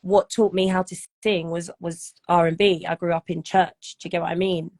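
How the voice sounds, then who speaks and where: A singer in her thirties chats casually as an interview guest, often checking with "do you know what I mean?" Her voice is on the low side and darkish, with little pitch movement and a moderate pace.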